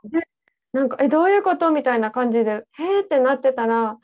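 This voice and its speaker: A woman's voice: high voice, animated, quick pace, muffled recording. A young woman co-hosting a podcast, chatting casually and telling stories with frequent laughter. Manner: chatty storyteller, laughs often. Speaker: podcast co-host. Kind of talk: casual chat.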